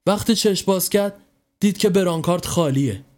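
An earnest, sheepish ambulance officer explaining himself, played by a male narrator. He speaks a bit higher than plain, steady and apologetic. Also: lightly acted.

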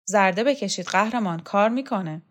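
A woman reading a story aloud, voicing a bossy, energetic woman who is loud and insistent as she orders people into their places. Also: medium pitch, close to an everyday voice. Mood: commanding. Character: bossy, energetic middle-aged woman organizing everyone.

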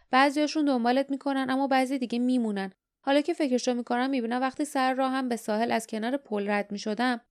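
A woman voicing a steady grown male warrior in an audiobook, tense and insistent. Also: high voice, smooth, pitched above the performer's own voice, close to an everyday voice. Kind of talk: audiobook dialogue.

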